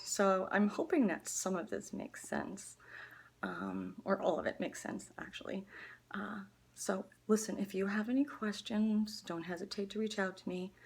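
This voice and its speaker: A husky, fairly low-voiced woman whose first language is Dutch speaks slowly in a personal video appeal to viewers. An artist and book organizer, she comes across as earnest, halting and deliberate.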